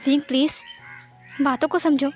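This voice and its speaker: A woman voicing a gentle young male writer in a read-aloud story, stammering as he soothes and pleads. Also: sits high, fairly even intonation, moderate pace, soft background music, close to an everyday voice. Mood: soothing. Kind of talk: storytelling voice acting.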